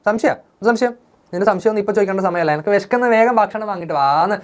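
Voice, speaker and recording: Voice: medium pitch, quick pace, voice pushed up, lightly acted. A teacher voicing a hungry, impatient middle-aged uncle who scolds and hurries his nephew during a story told in class.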